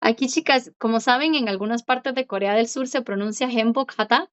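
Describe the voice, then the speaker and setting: A woman teaching a Korean class, who repeats words slowly and keeps checking in with her students. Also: fairly high pitch, clean tone. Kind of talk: online class explanation. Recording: dull lo-fi audio.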